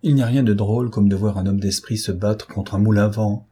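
A man voicing a teasing, mischievous young girl in a storybook reading, with a husky tone. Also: on the low side, fairly even intonation, brisk, dark tone. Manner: playful, mocking.

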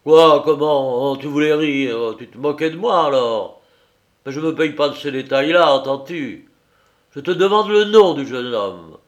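A man's voice: medium pitch, slow pace, lightly acted. A man voicing a husband who presses his wife insistently, turning from gleeful to jealous and angry. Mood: furious. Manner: insistent, laughing, then stammering and angry.

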